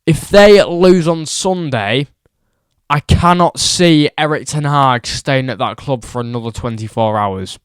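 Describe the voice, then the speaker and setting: Young guy venting about football, slow and fed up, clean dry mic. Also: a little high, clean tone, no room sound. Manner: exasperated, repeats points for emphasis. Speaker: football vlogger. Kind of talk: ranting football commentary.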